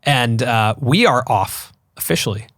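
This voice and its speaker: Casual podcast talk comes from a thirtysomething co-host who keeps things loose and leans heavily on fillers and the word "like." He speaks at medium pitch and an unhurried pace, in studio-quality audio with no room sound.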